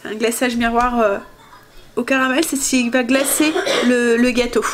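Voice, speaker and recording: A family vlogger in her thirties chats casually while cooking in her home kitchen, her nose stuffed up from a cold. Her voice is fairly high and steady at a normal speed, and she hesitates a lot, filling gaps with fillers. There's slight background noise.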